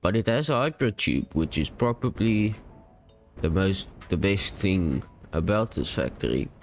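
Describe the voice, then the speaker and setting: A man casually touring his game world, relaxed and unsure, often correcting himself. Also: sits low, measured pace, faint music behind. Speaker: gaming YouTuber.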